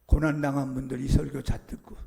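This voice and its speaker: A man's voice: medium pitch, level tone, a little fast, gravelly, dark tone. A male pastor delivering a Sunday sermon, urging his congregation with emphatic, repeated calls. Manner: emphatic, repetitive exhortation with rising calls.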